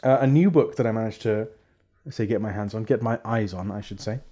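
A man co-hosting a podcast, casually explaining history in a measured, explanatory way. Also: lowish voice, dark tone. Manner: explanatory, measured, reads out facts. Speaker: podcast co-host presenting history. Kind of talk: casual chat.

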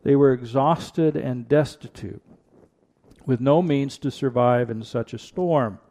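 A man preaching at a pulpit microphone, his voice gravelly and mellow. He delivers an earnest church sermon and drives his points home with repeated rhetorical questions. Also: medium pitch, takes it slowly. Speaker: pastor. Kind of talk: sermon with prayer and scripture reading.

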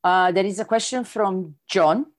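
A woman's voice: mid-range voice, unhurried. A woman with an Italian accent moderating an online question session, casual and lightly joking as she reads out questions over a video call. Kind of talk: hosting an online Q&A.

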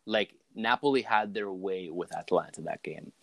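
A young man hosting a casual podcast, talking in a relaxed, rambling way with many fillers. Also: deep voice, normal speed, gravelly, no room sound. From Canada. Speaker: podcast host. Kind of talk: casual chat.

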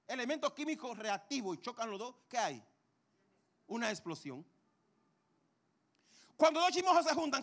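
High, animated male preacher. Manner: emphatic, repeats key phrases; dramatic rise and fall, rhetorical questions. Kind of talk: sermon.

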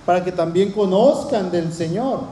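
A man preaches to his congregation in an echoey church hall, his voice high and mellow. He talks in earnest and keeps putting questions to the listeners. A faint hum sits behind him. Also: moderate pace. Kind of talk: sermon. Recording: echoey room.

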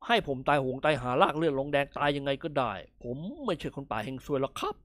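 A woman's voice: low voice, quick pace, dry recording, clean studio sound, natural voice. A woman voicing a brash forest bandit chief. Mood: fawning. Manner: brash then fawning, polite particles. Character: boastful grown male forest bandit chief, wheedling. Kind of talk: audiobook character reading.

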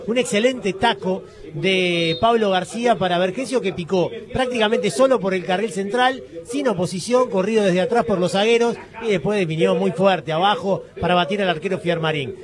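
Over loud crowd noise, a high-voiced man analyses a football match on live radio. He explains each point and repeats it for emphasis. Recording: loud stadium crowd behind. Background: stadium crowd.

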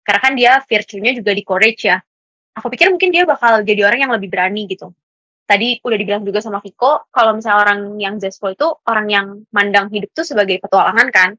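Casting: young woman, podcast guest, bright crisp tone, dry close sound, chatty and quick to laugh. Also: mid-range voice, no room sound. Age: young adult. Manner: chatty, laughs often, mixes in English words. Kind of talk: casual podcast discussion.

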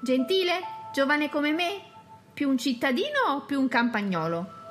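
Woman playing a bright witty young country girl, playful, lively, higher voice, storybook role. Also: faint music behind. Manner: playful, quick-witted. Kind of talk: audiobook character voice.

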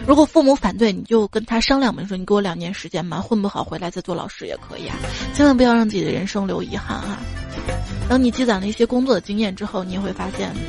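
A woman's voice: mid-range voice, creaky. A woman with a Shaanxi accent hosting a casual talk show, reading listener messages in a joking, teasing manner. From Xi'an, China. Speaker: radio show host. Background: music bed.

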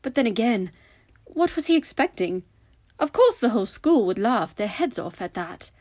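A woman voicing an amused, motherly senior witch professor in a storybook, witty and soothing, with a slightly husky voice. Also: a little high, big pitch swings, normal speed, a little mellow, no echo, studio quality, voice pushed up.

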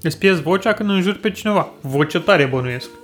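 A Romanian man co-hosting a casual chat, reasoning things out in a dry, deliberate way. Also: sits high, expressive, faint music behind. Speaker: podcast co-host.

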